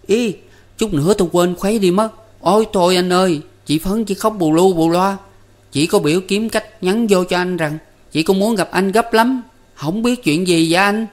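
A man voicing a young village boy who talks quickly and excitedly, with a Southern Vietnamese accent. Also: natural voice. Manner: quick, excited, high-pitched. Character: young boy Năm, eager and chatty.

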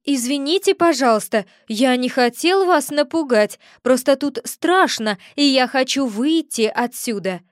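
A woman's voice: high voice, animated, a little slow, few pauses, dry recording, clean studio sound. A woman voicing a polite, frightened man trapped under a floor, pleading and whining. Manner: pleading, whiny, courteous.

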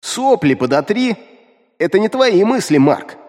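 A man's voice: sits high, big pitch swings, a little slow, big-room sound, pitched above the performer's own voice. A man voicing a crude, mocking male demon who scolds the hero in an audiobook. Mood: scolding. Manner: scolding, rude, sharp-tongued. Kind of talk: audiobook character voice.

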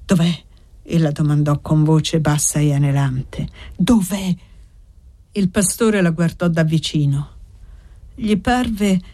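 A woman narrating a classic novel as an audiobook, reading in a measured, expressive way. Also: deep voice, no echo. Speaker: audiobook reader.

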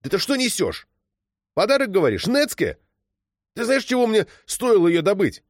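A man doing a gruff, short-tempered businessman. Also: on the high side, big pitch swings, fairly quick, a little mellow, no room sound, studio quality, voice pushed up. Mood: exasperated. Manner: blunt and gruff.

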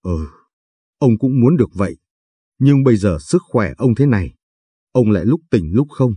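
A man's voice: mid-range voice, animated, moderate pace, dark tone, husky, no room sound. A man voicing a frail, dying old grandfather who speaks wearily and teases his granddaughter fondly. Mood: weary. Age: older.

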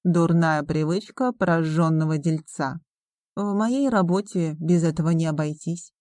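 A woman reading the part of a scheming businessman father, calm, slow and self-assured. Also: deep voice, no room sound, clean studio sound.

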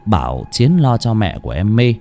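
Expressive storyteller. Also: male voice, on the low side, normal speed. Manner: expressive, voicing each character. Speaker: audiobook narrator. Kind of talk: storytelling narration. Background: faint background music.

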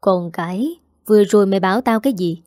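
A woman's voice: medium pitch, fast, dry recording, studio quality, close to an everyday voice. Woman reading as a stern scolding mother. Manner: sharp, scolding.

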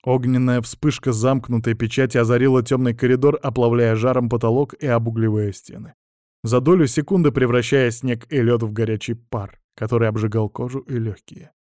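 A man narrating a first-person fantasy audiobook in a steady, even storytelling manner. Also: mid-range voice, a little fast, no room sound, clean studio sound.

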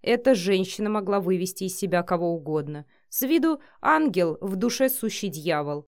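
A woman narrating a romance audiobook in an expressive, even storytelling manner. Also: lowish voice, moderate pace.

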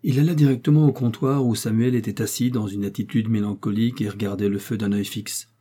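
A man narrating a classic novel as an audiobook in a measured, even storytelling manner. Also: fairly low pitch, slightly rough. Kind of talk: scripted narration.

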